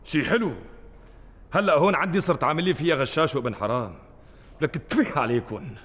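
An actor with a Syrian accent playing a harsh, bullying male interrogator who barks gruff, contemptuous orders. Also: on the high side, fast talker, a bit bright, slight background noise, lightly acted. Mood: barking scorn. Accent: Syrian Arabic. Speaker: interrogating official. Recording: reverberant studio set.

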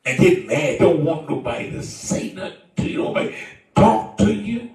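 Preacher, male, high and animated delivery, call-and-response sermon, echoey hall from afar. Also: moderate pace, gravelly, distant mic. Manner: call-and-response preaching, swinging between soft asides and shouts. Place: church. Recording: echoey church room, mic from afar.

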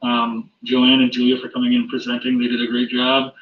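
A man's voice: medium pitch, monotone, a little fast, narrow, tinny audio. A man on a school board casually thanking people, with frequent ums. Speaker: board member. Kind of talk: meeting remarks. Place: school library meeting room. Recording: distant echoey noisy mic.

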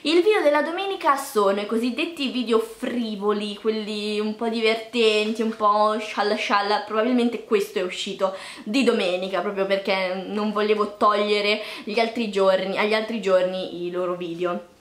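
Speaking at a normal speed with a steady tone and medium pitch, this young woman in her early 20s vlogs casually for YouTube, joking at her own expense. The small indoor room has bare walls and no acoustic treatment, so it sounds echoey.

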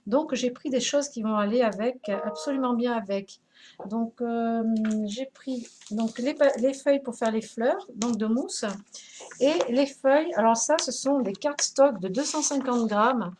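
A woman's voice: fairly high pitch, a little slow, darkish tone, slight background noise. A woman hosting a craft live stream, chatting casually, greeting viewers by name with many hesitations.

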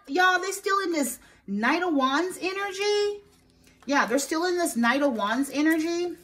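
Woman, tarot reader, sassy, expressive, swears a lot, fairly high pitch. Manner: talks straight to viewers, asks spirit aloud. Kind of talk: casual tarot reading.

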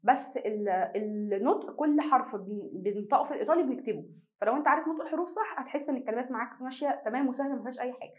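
A woman's voice: a little high, narrow, tinny audio. A young Egyptian woman teaching an Italian class online in Egyptian Arabic, often asking the students a question and answering it herself. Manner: repeats each word twice slowly for students; asks and answers her own questions.

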